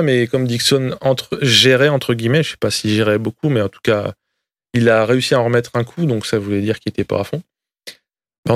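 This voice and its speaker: Gravelly man doing casual motorsport commentary. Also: mid-range voice, dry recording. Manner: colloquial, joking, slangy. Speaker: motorsport podcast host recapping a race.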